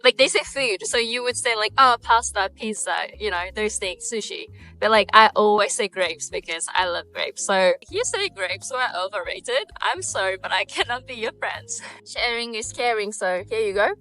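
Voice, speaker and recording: Faint music sits behind this rough recording of a Japanese vlogger in her twenties doing a chatty Q&A, bubbly, full of "like" fillers and laughs. Her accent is Japanese with Australian and British traces, and her medium-pitched, sharp-toned voice has lively intonation at a moderate pace.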